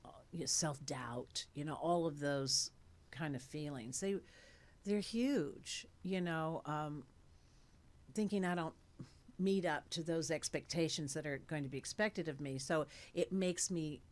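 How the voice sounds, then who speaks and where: A deep-voiced woman speaks a little slowly. She's an actress guest in her late sixties, chatting animatedly and using many fillers in a casual interview, seated at a studio mic on a stand amid dark curtains and blue lights.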